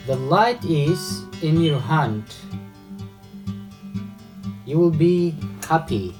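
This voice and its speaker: A man giving a slow, reflective spoken narration, measured and building an image step by step. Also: on the high side, lively intonation. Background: guitar music.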